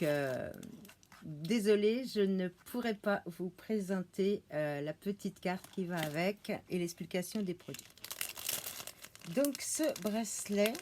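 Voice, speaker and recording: A woman's voice: lowish voice, darkish tone, slight background noise. A French woman chatting casually at home as she unboxes a witchcraft subscription box, hesitant, with many fillers and easy laughs. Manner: laughs easily while showing items. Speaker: unboxing vlogger.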